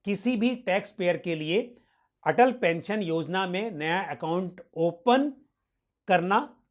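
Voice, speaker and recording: A man's voice: high-pitched, lively intonation, takes it slowly. A man hosting a financial question-and-answer session, explaining formally and politely, with English financial terms mixed in. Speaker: host answering viewer questions.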